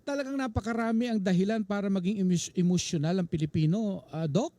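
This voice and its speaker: A man co-hosting a radio talk show in a studio, chatting in an animated way and acting out soap-opera lines. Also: sits high, fast talker, no echo. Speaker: radio co-host.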